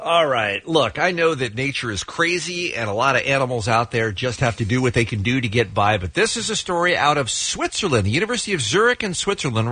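A man's voice: medium pitch, pushed and bright, husky, no echo. A man hosting a comedy radio show, telling odd stories in a conversational, mock-earnest way. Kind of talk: comic radio banter and story telling.

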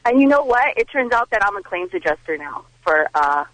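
A woman phoning in to a radio show, her bright, crisp voice coming down a dry phone line. She talks in a chatty, self-mocking way, dropping quick asides as she goes. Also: mid-range voice, big pitch swings, no echo. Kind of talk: casual call-in chat.

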